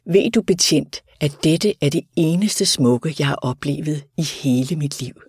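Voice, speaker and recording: A man's voice: a little high, darkish tone, breathy edge, no echo, clean studio sound. A man voicing a dying male prisoner who pleads eagerly in a raised voice. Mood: moved.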